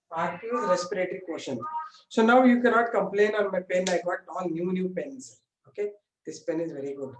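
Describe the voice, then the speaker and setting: A woman with an Indian accent teaching informally like a classroom lecturer, repeating points and often checking that students follow. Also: mid-range voice. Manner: repetitive explaining with frequent check-in questions. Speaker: biology teacher. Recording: echoey room, distant mic.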